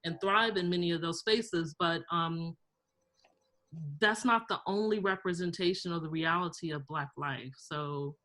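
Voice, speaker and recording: A woman's voice: fairly low pitch, unhurried, fairly bright tone. A woman moderating a panel who poses questions and offers brief affirmations. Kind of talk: panel discussion.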